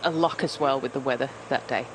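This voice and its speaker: Speaking quickly in a very deep voice, a woman in her forties gives chatty, anecdotal live commentary on a bike race, with many ums. Background noise from the race is loud.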